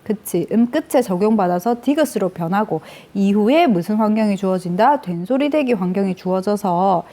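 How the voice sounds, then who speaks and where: Here a woman explains grammar step by step, answering the questions she puts to herself. She has a mellow, mid-range voice with lively intonation and a moderate pace.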